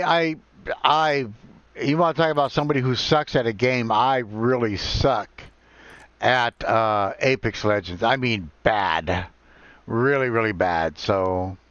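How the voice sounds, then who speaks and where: A man in his forties chatting casually and haltingly while live-streaming a game, rambling and self-deprecating. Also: mid-range voice, fairly bright tone, clear, resonant tone, no room sound. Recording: dull lo-fi, dry sound.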